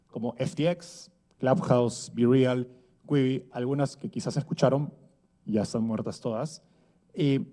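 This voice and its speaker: A man's voice: mid-range voice, mellow. A man, giving a conversational talk at an event with many fillers and rhetorical tags. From Peru. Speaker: speaker giving a conference talk. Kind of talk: conference talk. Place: event stage before an audience.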